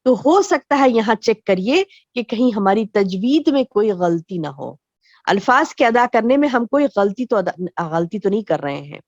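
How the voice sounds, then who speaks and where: A woman religious teacher giving a lecture to women, explaining slowly with repeated phrases and rhetorical questions. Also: mid-range voice, big pitch swings, a little mellow, dry recording, highs cut off.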